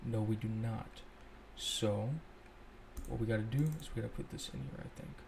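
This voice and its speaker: A man's voice: on the low side, moderate pace, vocal fry, a little hiss or hum. Young man thinking aloud over code. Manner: relaxed, thinks aloud, self-correcting. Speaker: scripting tutorial host. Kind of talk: casual screen-recorded coding walkthrough.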